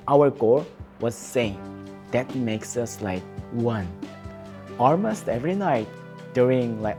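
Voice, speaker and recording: An advocacy speaker, a young North Korean man with a mid-range voice, gives interview testimony in English, his second language. His Korean-accented speech is earnest and halting, and he often restarts his sentences.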